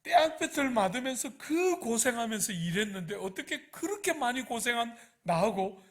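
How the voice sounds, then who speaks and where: A man's voice: on the high side, expressive, slightly rough. A man preaching acts out a male day laborer who grumbles indignantly, drawing out his complaints. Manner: exaggerated drawn-out complaining.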